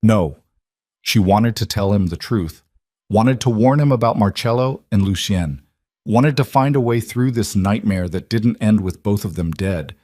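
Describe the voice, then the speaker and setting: A man's voice: fairly low pitch, moderate pace, a little mellow, no echo. A man reading scripted dramatic narration in terse, clipped sentences.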